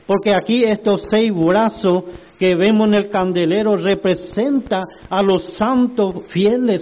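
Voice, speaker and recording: A man preaching a sermon, slow and emphatic, asking the congregation rhetorical questions. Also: high-pitched, muffled recording.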